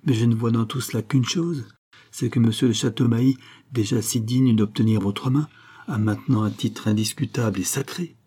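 A man's voice: mid-range voice, steady tone, normal speed, warm tone, husky, lightly acted. A man voicing a cunning impostor nobleman who feigns sadness and surprise. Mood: mock-sincere. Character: cunning male impostor nobleman, smooth liar.

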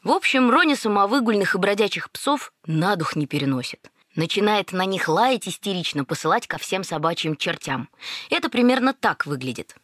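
A woman narrating a first-person story in a lively, wry manner. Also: medium pitch, normal speed, no echo, clean studio sound.

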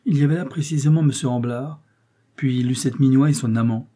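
A naive, loyal working-class fellow, read by a man chatters eagerly and takes fright easily. The voice is husky and warm, and the part is told as an audiobook. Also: mid-range voice, fairly quick, natural voice. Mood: chattering. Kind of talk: audiobook character reading.

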